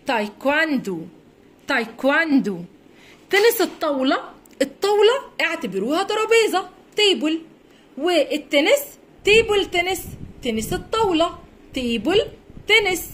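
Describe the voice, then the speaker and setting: An Egyptian woman teaches English vocabulary in a recorded lesson for primary school children. Her voice sits high and moves with a wide, animated melody. She stops on each new word and repeats it slowly so the pupils can copy it. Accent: Egyptian Arabic.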